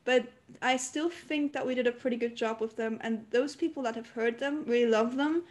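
A young woman with a slightly high voice talks easily as a podcast guest. She is chatty and self-deprecating, laughing often as she explains things. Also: brisk, darkish tone. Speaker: singer-songwriter guest. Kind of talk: casual podcast interview.

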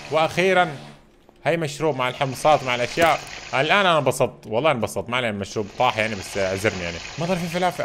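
Rapid-fire excitable gamer man. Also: mid-range voice, noisy background. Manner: excitable, chatty, keeps addressing viewers. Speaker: gaming channel host. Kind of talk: let's-play commentary. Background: game background music.

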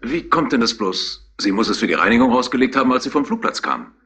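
A man's voice: medium pitch, very animated, fast talker, bright, forceful tone, slightly rough, full character voice. A man playing an elegant, cunning psychiatrist in a 1960s radio crime drama, aloof and lecturing. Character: elegant, cunning male psychiatrist, cool and condescending. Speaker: doctor.

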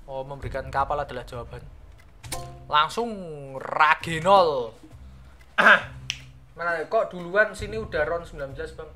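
A man's voice: fairly high pitch, bright, forceful tone. A young man with a Javanese accent hosts a gaming channel. He chats casually and playfully through his play, often repeating words in a sing-song mutter. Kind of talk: casual gameplay commentary. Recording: game music playing behind. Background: game music.

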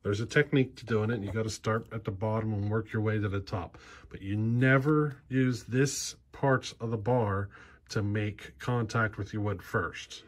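In a cluttered indoor workshop garage, a close handheld camera captures a chainsaw channel host in his forties. His lowish voice stays steady at a normal speed as he explains things casually and practically, with frequent ums and you-knows.

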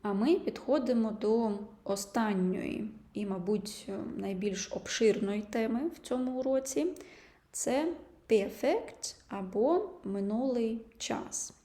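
A woman teaching a language lesson, patiently explaining and slowly sounding out example words. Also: medium pitch, dark tone, roomy sound. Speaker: German teacher.

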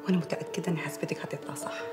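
A woman's voice: sits low, steady tone, rapid-fire, roomy sound, whispered, music in the background, lightly acted. An actress playing a worried but reassuring woman friend, speaking insistently with an Egyptian accent. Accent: Egyptian Arabic.

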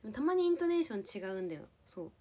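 A woman's voice: high-pitched, very animated, rapid-fire, dark tone, breathy edge. A young woman from Japan casually chatting with viewers on a livestream, playful and giggly as she answers comments. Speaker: live streamer.

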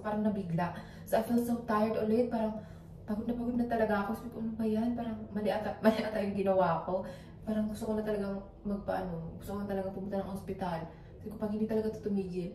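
A young woman with a Filipino accent talks to her viewers in loose, rambling chat, switching between Tagalog and English. Her voice is mellow and relaxed. She sounds set back from the mic in an echoey room at home. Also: mid-range voice, distant mic, slight background noise. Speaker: vlogger.

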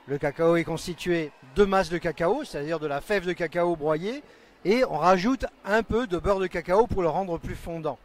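A man's voice: high-pitched, normal speed. A man in his forties hosting a live stream from a trade stand, explaining at length into a handheld mic in a large indoor exhibition hall. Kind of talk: live event interview and explanation.

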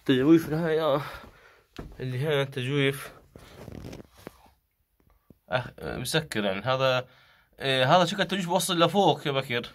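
A man with a Palestinian Arabic accent giving unscripted, observational commentary while filming in a rock cave, pausing to speculate. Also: medium pitch. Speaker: cave explorer filming and narrating. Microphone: handheld phone or camera. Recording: faint noise, handheld camera audio.

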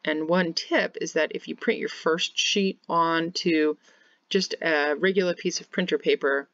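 A woman's voice: sits low, steady tone, measured pace, fairly bright tone, no echo, highs cut off. A woman in her forties, from Kansas, giving a plain step-by-step screen-share tutorial from home as a home bakery teacher. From Kansas, United States. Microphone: webcam in corner of screen share.

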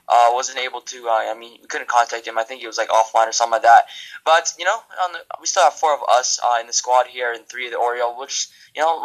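Fast-talking young man explaining casually. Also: medium pitch, a bit bright, low-quality recording. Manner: quick, loose explaining with fillers. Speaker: gamer in group recording. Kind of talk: casual chat.

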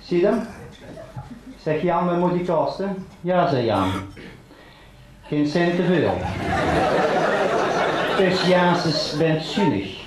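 A man's voice: high-pitched, animated, slow pace, pauses often, noisy background. Man doing a carnival monologue. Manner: punchline-driven, chatty local jokes. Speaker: carnival comedian. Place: large hall before a live audience. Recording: echoey hall with loud crowd laughter.

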